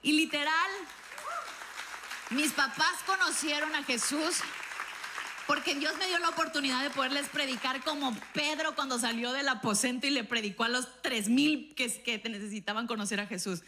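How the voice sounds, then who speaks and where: A woman pastor preaching a sermon and telling a personal testimony, acting out the dialogue in her stories with an animated voice. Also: sits high, normal speed, crowd noise, noisy background. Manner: animated storytelling, acts out dialogue with a raised voice.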